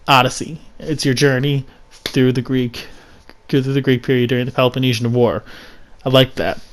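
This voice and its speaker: Man giving a rambling, blunt game review. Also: mid-range voice. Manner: rambling, blunt opinions with many restarts. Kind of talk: casual spoken game review.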